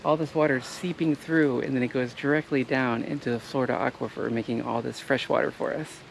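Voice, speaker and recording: A man hosting a casual hiking vlog outdoors, explaining the trail in a relaxed way with fillers. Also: medium pitch, fairly quick, gravelly, a little hiss or hum. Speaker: travel vlogger.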